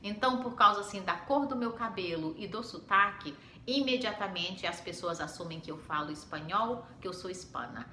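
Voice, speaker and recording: A young adult woman with a Brazilian Portuguese accent, telling personal stories in a chatty, animated vlog. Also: mid-range voice, normal speed, hardly any pauses. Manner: chatty, animated, with rhetorical asides. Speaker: vlogger. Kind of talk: casual storytelling vlog. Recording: echoey room with faint background noise.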